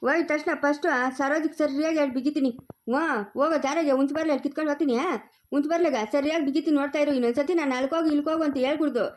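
A headstrong young village lad, voiced by a woman in a family skit. He talks with a rural Chikkaballapur Kannada accent in a high, quick voice. He scolds and insists without letting up. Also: steady tone, lightly acted. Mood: insistent. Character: stubborn young village man.

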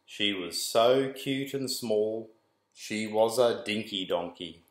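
A school staffer in his forties reads a rhyming picture book aloud to children, his fairly low voice moving slowly in a sing-song rhythm. The small, bare room lends the recording a roomy echo.

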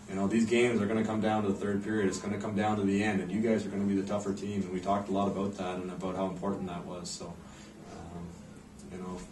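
In front of a backdrop in an indoor press room, a low-voiced North American hockey head coach in his forties answers questions after the game. His replies are understated and measured, broken by hesitant pauses, and the far-off camera microphone gives a roomy sound with noticeable background noise.

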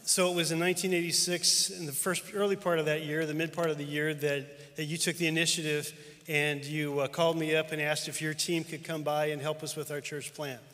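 A middle-aged man speaks with earnest reverence as he recounts years of shared ministry. His voice sits a little high. A long reverb trails each phrase through a big church auditorium. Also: level tone, a little fast, pushed and bright. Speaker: denominational superintendent. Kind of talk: heartfelt tribute speech. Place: large church auditorium with live audience.

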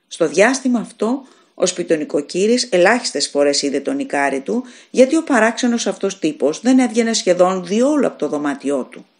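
A woman narrating an audiobook of a gothic story in a measured, expressive way. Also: fairly low pitch. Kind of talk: scripted narration of a gothic tale.

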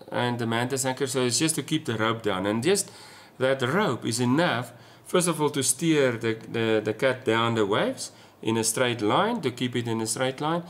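Man with an Afrikaans South African accent. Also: medium pitch. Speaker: sailing vlogger. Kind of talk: casual explanatory chat to camera. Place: small room at home, indoors.

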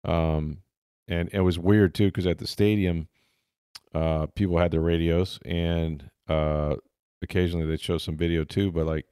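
Talking casually about games and players, this man hosts a sports podcast and works as a football reporter. He speaks at a normal speed in a low, mellow, smooth voice with a steady tone, recorded cleanly in a studio with no room sound.

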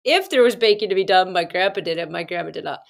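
A woman's voice: fairly low pitch, expressive, fast talker, creaky. A middle-aged woman hosting a podcast, telling casual personal stories in a chatty way and calling her listeners "guys". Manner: chatty, addresses listeners as "guys", many fillers and asides. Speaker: podcast host.

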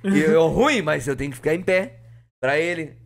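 Brief: young guy, somewhat high voice, lively storyteller who acts out every quote. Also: moderate pace, gravelly. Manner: animated, acts out quotes, laughs often. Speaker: podcast cast member. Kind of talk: casual storytelling chat.

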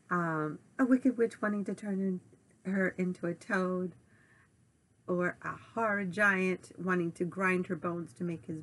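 A woman's voice: lowish voice, low-quality recording. A woman music teacher giving an online lesson for children, patient and instructive with some "um"s.

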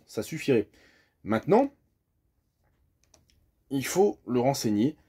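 A man's voice: mid-range voice, mellow, husky. A man from France casually explaining, step by step, how a piece of driving equipment works, chatty and full of hesitations. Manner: friendly, chatty, hesitant with many fillers. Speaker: bus driver explaining a tachograph.

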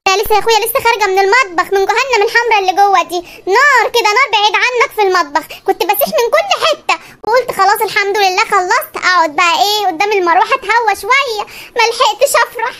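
A woman's voice: very high voice, very fast, bright, forceful tone, slight background noise. A woman voicing a fed-up housewife in a cartoon comedy, speaking with an Egyptian Arabic accent and moaning about the heat to anyone who will listen. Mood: weary. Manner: whiny complaining, exclamations to God. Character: fed-up housewife Tanakh Hanim, melting in the heat, loud and complaining.

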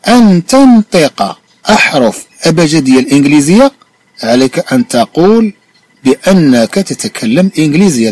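This Moroccan man gives a language lesson, reading each phrase slowly, explaining it, then checking the listener has understood. His voice sits a little high, with a darkish, husky tone.

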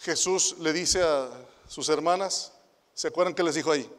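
A Mexican pastor and youth director with a high voice delivers a sermon to young people at a moderate pace, full of rhetorical questions. He shifts between hushed asides and loud, emphatic declarations, and his words fade into a hall's long reverb.

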